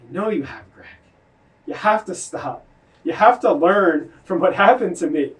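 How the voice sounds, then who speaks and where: A man voicing his gentle, wise dead male friend, speaking slowly and softly. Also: sits high, recorded from a distance, low-quality recording. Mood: gentle, calm. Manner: calm, slow, soft-spoken.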